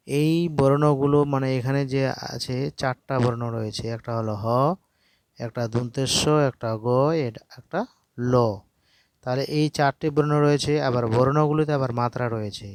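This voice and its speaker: A male teacher giving a reading lesson for children, slowly spelling out each word letter by letter. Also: medium pitch, darkish tone, smooth, no room sound, studio quality. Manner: slow, spells out words letter by letter.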